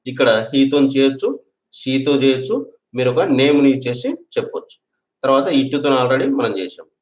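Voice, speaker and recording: A man teaching a spoken English grammar lesson, patiently repeating example sentences slowly for learners to drill. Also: medium pitch. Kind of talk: classroom-style grammar lesson. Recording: echoey room.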